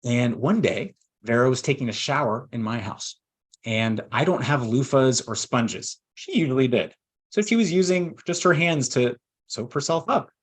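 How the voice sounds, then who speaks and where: A man in his forties, an estate planning attorney, telling a heartfelt personal story in a webinar with earnest pauses and restarts. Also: medium pitch, expressive, breathy edge. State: emotional at times.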